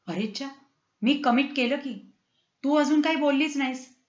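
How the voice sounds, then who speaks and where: A woman doing a hushed, teasing young husband. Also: high-pitched, normal speed, voice pushed up, close to an everyday voice. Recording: roomy, slightly dull recording.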